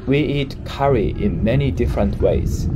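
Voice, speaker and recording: A man's voice: medium pitch, normal speed, over music. A young Japanese man with a Japanese accent, hosting a casual food vlog and explaining things plainly in simple English as a non-native speaker. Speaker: vlog host.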